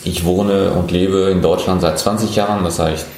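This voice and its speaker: A man in his forties from France, speaking German with a French accent, answering interview questions as a startup founder with thoughtful pauses. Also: low voice, steady tone, a little mellow, heavy reverb. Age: 40s. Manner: thoughtful, many pauses and fillers.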